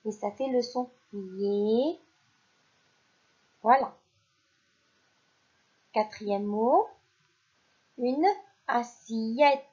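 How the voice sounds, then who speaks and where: Teacher lady doing a kids phonics lesson, slow and careful, a bit high, muffled lo-fi sound. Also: warm tone. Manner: slow, clear, encouraging teacher talk, praising unseen pupils. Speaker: primary school teacher. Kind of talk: recorded remote phonics lesson for children. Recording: dull lo-fi recording.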